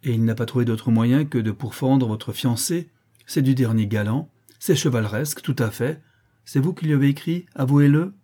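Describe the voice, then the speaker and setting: A man's voice: moderate pace, mellow, lightly acted. A man reading aloud voicing a haughty, furious old noblewoman who speaks with crushing scorn. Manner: scornful, shrill when enraged.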